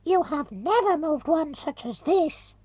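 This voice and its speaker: A shrill, whining ratman engineer, his voice muffled behind a mask and leaping wildly in pitch. He gloats in broken, tumbling grammar. The sound is dry and close. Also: lively intonation, a little slow, darkish tone, no room sound. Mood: scornful. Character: whining masked male ratman engineer, boastful.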